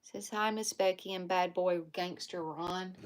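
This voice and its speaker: A woman's voice: lowish voice, a little hiss or hum. A woman hosting a casual livestream from home, reading viewer comments aloud in a chatty way. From Louisiana. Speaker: livestream host.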